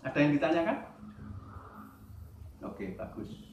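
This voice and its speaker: A man teaching a class, talking slowly, stressing key words and asking the class questions. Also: on the high side, very animated, darkish tone, highs cut off, a little hiss or hum. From Central Java, Indonesia. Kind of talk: classroom lesson. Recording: roomy echo, voice from a distance.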